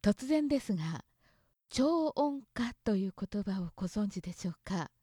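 A woman's voice: mid-range voice, animated, moderate pace, dark tone, husky, dry recording, clean studio sound. A young woman explaining Japanese pronunciation in a casual way, stretching out vowels to demonstrate them. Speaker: language explainer.

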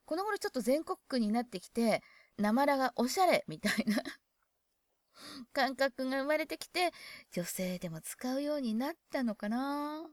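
A woman's voice: high-pitched, lively intonation, a little slow, no room sound, clean studio sound. A woman from Hokkaido giving a casual spoken dialect lesson, chatty and thinking aloud as she explains. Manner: chatty, thinks aloud, asks herself questions. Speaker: dialect teacher.

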